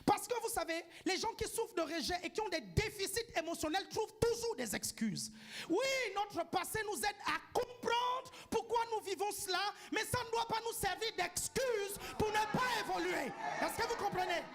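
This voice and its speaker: A man preaching a sermon emphatically, forever checking that the congregation follows him and bursting into shouts to drive points home. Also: very high-pitched, animated, normal speed, soft background music. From grew up outside France. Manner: emphatic, keeps asking the congregation "do you follow?".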